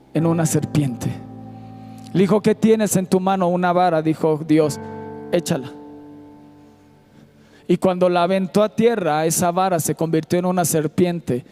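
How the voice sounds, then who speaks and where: Mexican preacher man, high fervent voice. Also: warm tone. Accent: Mexican Spanish. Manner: preaches with rising fervor, sometimes half-singing. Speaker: pastor. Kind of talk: sermon. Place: church auditorium.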